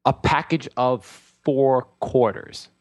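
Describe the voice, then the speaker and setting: A man voicing a pompous self-styled male lord and sports insider in an improvised comedy bit, rambling through a grandiose sales pitch. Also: fairly even intonation, slow pace, close to an everyday voice.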